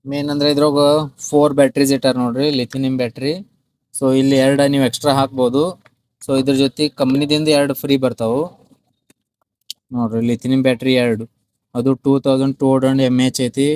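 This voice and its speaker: Here a product presenter from a shop video, speaking Kannada with a North Karnataka accent, does a casual unboxing and slips English words into his repetitive sales talk. He talks fairly quickly in a level, darkish, medium-pitched voice, and the recording is rough.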